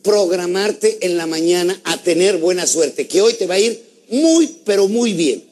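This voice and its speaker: A man giving a lively motivational talk, asking his audience questions and acting out little stories. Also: high-pitched, measured pace. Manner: animated, asks the audience questions, acts out stories. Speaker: motivational speaker.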